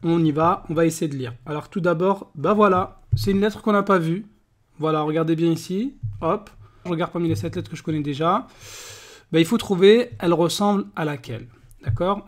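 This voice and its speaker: A teacher giving a step-by-step reading lesson, patiently sounding out syllables and checking in often with the learners. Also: medium pitch. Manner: patient, checks understanding with frequent "ok?"; reads syllable drills one by one.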